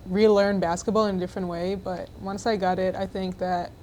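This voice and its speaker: A woman's voice: mid-range voice, brisk, a little hiss or hum. A young woman from Israel, a college basketball player, chatting casually as a podcast guest, with lots of fillers and easy laughter. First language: Hebrew. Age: 20s. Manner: relaxed, many fillers, laughs easily.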